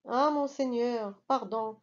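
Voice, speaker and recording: A frightened, pleading merchant begging for mercy, voiced by a woman reading a storybook. The delivery is high and unhurried, on a slightly dull, lo-fi recording. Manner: trembling, pleading.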